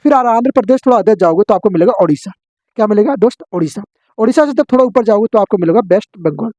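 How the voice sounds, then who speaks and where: A man teaching an exam-prep geography lesson, drilling his students with quick questions and answers. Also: high voice, lively intonation, warm tone, no echo, dull audio.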